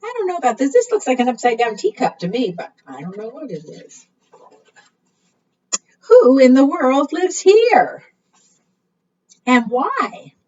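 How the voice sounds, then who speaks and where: A librarian leading preschool storytime reads to little children in a sing-song style, frequently putting questions to them. Her high, a little mellow voice is very animated, at a measured pace with long pauses. The recording sounds muffled, as from a distant mic.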